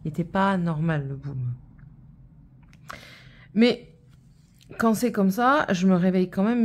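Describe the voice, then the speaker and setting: Woman in her 30s rambling through a story while she sews, dark mellow voice. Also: fairly low pitch. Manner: rambling, storytelling with many fillers. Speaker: vlogger. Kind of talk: casual chat while cross-stitching.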